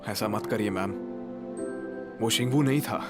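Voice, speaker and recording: A man's voice: on the low side, a little slow, loud music behind the voice, natural voice. A man playing a regretful young man. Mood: tense. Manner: earnest, regretful. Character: remorseful young man back in high school. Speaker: lead character and narrator. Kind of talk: Hindi dub of a TV drama.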